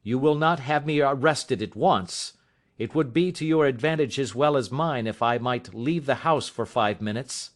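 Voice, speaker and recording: A man's voice: medium pitch, normal speed, close to an everyday voice. A man doing a defiant, indignant young son. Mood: pleading.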